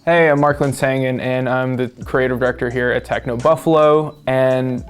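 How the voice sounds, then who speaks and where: Guy from the philippines, relaxed, halting, soft music behind. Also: medium pitch, clear, resonant tone. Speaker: creative director. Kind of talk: casual talk to camera.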